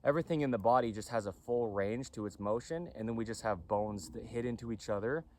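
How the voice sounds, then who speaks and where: Speaking fast in a medium-pitched, darkish voice, a man who owns a clothing company explains body mechanics to the camera in a casual lecture. He is repetitive and constantly checks in with "okay?"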